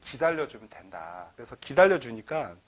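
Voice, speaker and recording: A middle-aged author speaks at normal speed in a mid-range, slightly rough voice, lecturing to an audience in a lecture hall. His delivery is animated storytelling, and he performs the quoted dialogue himself.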